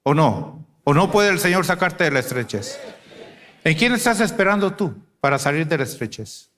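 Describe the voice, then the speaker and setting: A man preaching a sermon to a congregation, asking rhetorical questions and swinging between loud and hushed delivery. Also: a little high, sing-song, moderate pace. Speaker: pastor.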